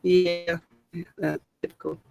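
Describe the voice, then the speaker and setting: A woman with a gravelly, fry-edged voice co-hosts a casual live stream. She gives relaxed, friendly shout-outs to viewers. Faint guitar music plays behind her. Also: fairly low pitch, slow. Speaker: co-host.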